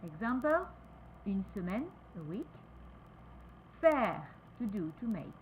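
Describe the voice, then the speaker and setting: Teacher, female, French accent, very slow and deliberate, lively pitch, faint room noise. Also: rough recording. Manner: repeats each word slowly, switches between French and English. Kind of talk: slow, careful pronunciation lesson.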